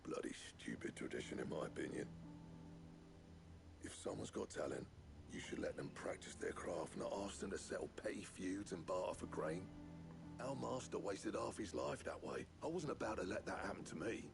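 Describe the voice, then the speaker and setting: Gruff blacksmith, gravelly, lively pitch, video game. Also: male voice, normal speed, music in the background, heavily acted. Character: gruff male master blacksmith, blunt and stubborn.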